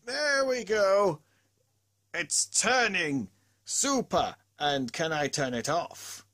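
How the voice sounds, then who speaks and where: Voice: medium pitch, lively intonation, slow, fairly bright tone. The host voicing a stiff, self-assured professor character. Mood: businesslike. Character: prim, know-it-all toy professor.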